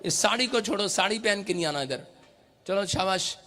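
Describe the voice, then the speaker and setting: A man's voice: high voice, expressive, moderate pace. A man, a pastor leading a healing service, urging and commanding people to rise and walk, breaking into repeated chanted syllables. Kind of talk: urgent healing prayer and exhortation. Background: worship music.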